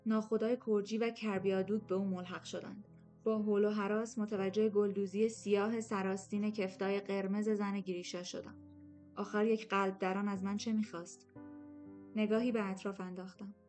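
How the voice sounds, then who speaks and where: A woman reading a novel aloud in the first person, in a measured, steady storytelling voice. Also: medium pitch. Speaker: audiobook narrator.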